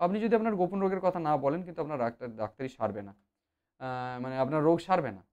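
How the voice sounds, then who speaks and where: An English grammar teacher giving an explanatory online lesson, with many drawn-out fillers and key points repeated. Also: medium pitch, lively intonation, darkish tone, clean tone, highs cut off.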